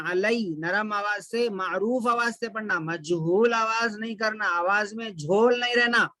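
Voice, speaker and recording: A man teaching tajweed, explaining each letter and sound in quick bursts, then chanting the verses slowly and melodically. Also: high voice, pushed and bright, dry recording. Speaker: Quran recitation teacher. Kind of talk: tajweed lesson with slow chanted recitation.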